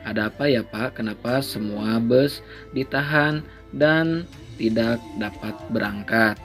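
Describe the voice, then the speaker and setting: A man playing a questioning bus driver in a storybook, speaking at a middling pitch. He asks one thing after another. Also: measured pace, fairly bright tone, faint music behind, natural voice. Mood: puzzled.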